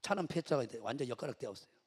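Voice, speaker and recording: A man's voice: mid-range voice, animated, very fast, breathy edge, in a large hall. A middle-aged male pastor, preaching a sermon and telling his own story with rhetorical questions to the congregation. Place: church sanctuary.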